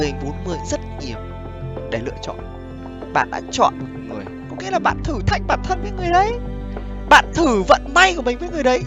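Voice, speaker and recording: High-pitched, animated man ranting bluntly. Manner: blunt, profane, often asks "understand?" and "right?". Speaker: online host giving relationship commentary. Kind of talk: casual monologue addressed to viewers.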